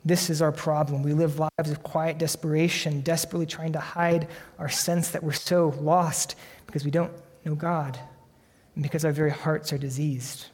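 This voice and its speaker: A man delivers a sermon in an earnest, emphatic way, drawing out important phrases slowly for weight. His voice sits a little high for a man. The sound carries a long reverb, like a large church hall. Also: flat delivery, darkish tone. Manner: earnest, emphatic preaching with slow dramatic pauses. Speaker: pastor.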